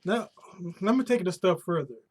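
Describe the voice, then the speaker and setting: A man's voice: high voice, expressive, fairly quick, darkish tone. An American man chatting casually on a live stream from his home room, rambling and rephrasing himself, his voice a bit worn from pollen. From United States. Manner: rambling, restarts and rephrases often. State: voice slightly worn from pollen allergy.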